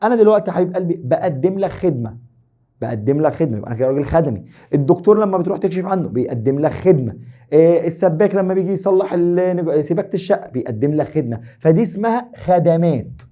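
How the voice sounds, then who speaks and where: A man's voice: fairly high pitch, lively intonation, rapid-fire, lo-fi sound. A man with an Egyptian Arabic accent teaching an exam review lesson, joking and teasing his students as he explains.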